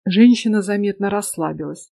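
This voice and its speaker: Brief: female audiobook reader, warm dark voice, dry close sound. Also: mid-range voice, normal speed, gravelly, no room sound. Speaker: audiobook narrator. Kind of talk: scripted narration.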